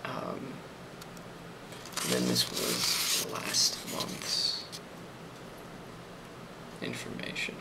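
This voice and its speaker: This ASMR performer has a bass voice with a sing-song lilt as he plays a boss handing out a performance review. He talks softly, frequently slipping toward a whisper, and improvises haltingly with plenty of ums. Background noise comes through clearly.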